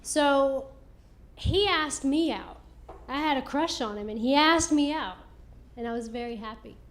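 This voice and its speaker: High-voiced woman telling a stand-up story. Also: slight background noise. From American South. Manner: animated, self-mocking storytelling. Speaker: stand-up comedian. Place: comedy club stage.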